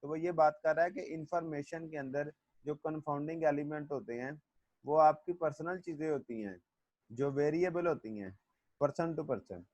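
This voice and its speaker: A male teacher giving a classroom lecture. He reads English definitions slowly, explains them in Hindi-Urdu, calls his students "beta" and checks whether they understood. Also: on the high side, a little mellow, no room sound, dull audio.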